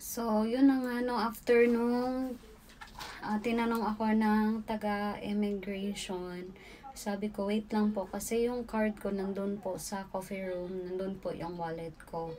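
Chatty young Filipina vlogger. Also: female voice, mid-range voice, measured pace. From Philippines. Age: young adult. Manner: chatty, animated hand gestures, often addresses viewers directly. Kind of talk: casual storytelling vlog. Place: small indoor room by a window. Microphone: camera in front at desk distance.

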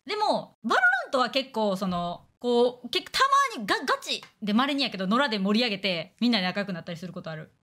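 A young woman streamer with a Kansai accent rattles through a casual chat at high speed. Her voice sits slightly high and swings widely in pitch. She talks bluntly and crudely. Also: very animated, a bit bright. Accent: Kansai Japanese. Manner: blunt, crude, fast banter with acted-out quotes.

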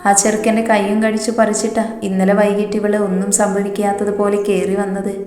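A woman's voice: medium pitch, flat delivery, a little fast, a little mellow, natural voice. A woman playing an exasperated scolding young mother. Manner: scolding, complaining. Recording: reverberant room, faint music behind.

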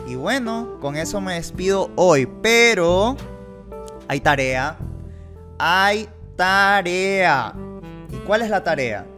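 Guy teaching a beginner class, slow and patient, a bit high voice, soft music behind. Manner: slow, patient, repeats words for learners. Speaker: Mandarin teacher. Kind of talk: online language lesson.

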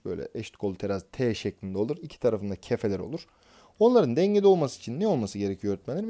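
A man's voice: mid-range voice, warm tone. A man teaching an exam prep lesson, explaining concepts step by step and answering his own questions as he goes.

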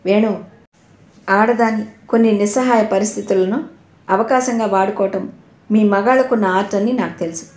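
A woman's voice: mid-range voice, fairly even intonation, moderate pace, lightly acted. A woman voicing a fierce, indignant young woman. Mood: angry. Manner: sharp, indignant. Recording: roomy echo.

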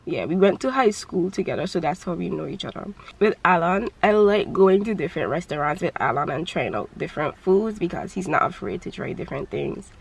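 Young woman, chatty vlogger, low-pitched nasal voice, recorded in a car. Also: animated, fairly quick, creaky, few pauses. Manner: chatty, candid, laughs easily. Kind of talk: casual vlog chat. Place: in her car.

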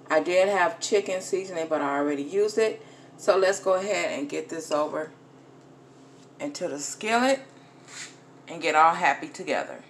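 A middle-aged woman talks through her cooking in an unhurried, easygoing way and speaks straight to her viewers. She films herself at her home stove on a phone. Faint sizzling and kitchen noise sit under her voice. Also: on the low side. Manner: chatty, addresses viewers as "you guys". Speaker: home cook vlogger. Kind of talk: casual cooking vlog narration.

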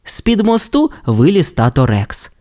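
A man narrating a children's storybook in an expressive, playful way. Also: high voice, measured pace.

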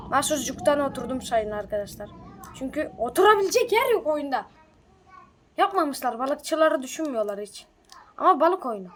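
A woman chatting excitably through a game for her viewers, a little sick and hoarse. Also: sits high, a little hiss or hum. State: sick, coughing. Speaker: gaming video creator. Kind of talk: casual gameplay commentary.

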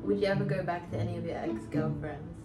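A woman's voice: lowish voice, fairly even intonation, recorded from a distance, loud music behind the voice. A young woman, a guest in a vlog, answering dares with sassy comebacks. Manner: sassy, laughing, quick comebacks. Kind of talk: casual chat during a drinking-game dare. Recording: echoey room, off-mic, loud background noise.

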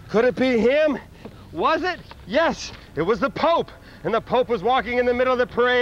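Very high-voiced man telling a comic story. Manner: animated, acts out voices and sound effects. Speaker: comic performer. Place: outdoors in a city park. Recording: dull lo-fi outdoor video with faint street noise.

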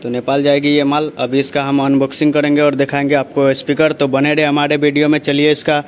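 Flat-voiced young man touring a warehouse. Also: a little high, brisk, a little hiss or hum. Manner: steady salesman-like patter, repeats "dekhiye" and "dosto". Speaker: vlogger showing a speaker cabinet factory. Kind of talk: casual vlog walkthrough. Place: large warehouse, partly outdoors. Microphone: phone held at arm's length.

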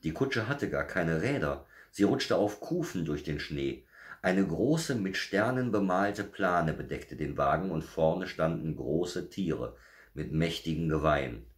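A man reading a children's bedtime story aloud with gentle, measured pacing. His voice is extremely low and calm.

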